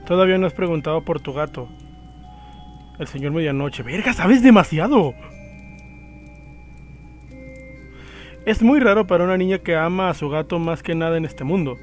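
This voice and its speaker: Eerie, bossy sixteen-year-old twin sisters, as a man reads them from a game. The lines come calm and insistent in a fairly high male voice, over faint music. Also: brisk, lightly acted.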